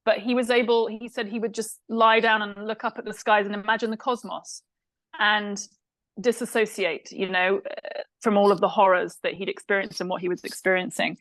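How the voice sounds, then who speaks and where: English woman director, talks it through with lots of ums and restarts, mid pitch, dead dry sound. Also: level tone, moderate pace, fairly bright tone, dry recording, low-quality recording. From England. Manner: thoughtful, many fillers and restarts. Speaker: film director. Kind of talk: interview answers.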